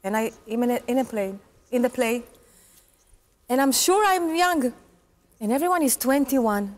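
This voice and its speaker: Bright-voiced woman in her forties, earnest. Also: on the high side. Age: 40s. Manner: earnest, laughs often, halting English. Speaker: guest. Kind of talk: casual interview chat.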